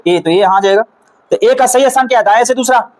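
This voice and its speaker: Hindi-speaking teacher coaxing a class. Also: male voice, very high-pitched, quick pace, darkish tone, low-quality recording. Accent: Bihari Hindi. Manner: coaxing, repeats questions to the class. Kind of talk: classroom reasoning lesson.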